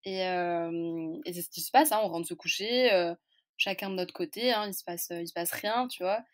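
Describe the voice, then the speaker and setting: A French woman in her twenties, appearing as a podcast guest, tells a personal story in a casual interview. Her voice is lowish and moderately paced, and her manner is chatty, candid and hesitant.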